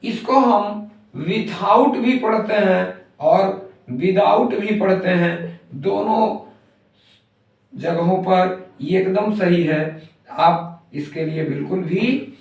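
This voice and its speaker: A high-voiced man teaches a phonics lesson at a slow, patient pace, saying each example word more than once. He sits well back from the mic in a heavily echoing room. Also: darkish tone. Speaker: English teacher. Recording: very echoey room, mic far off.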